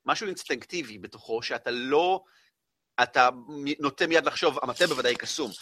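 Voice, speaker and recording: A man running a tabletop game as game master, narrating with many fillers and lively storytelling. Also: medium pitch, a little hiss or hum.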